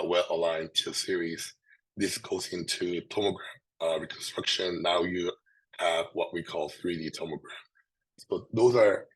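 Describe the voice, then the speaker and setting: A man with a hoarse, swollen sore-throat voice, giving a halting scientific presentation. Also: sits low, poor audio. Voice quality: hoarse, husky. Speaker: presenter, researcher.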